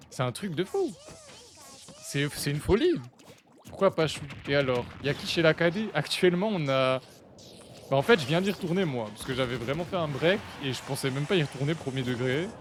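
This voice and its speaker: A young man chatting casually on his live stream, excitable and talking to his chat while watching matches. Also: on the high side, slight background noise.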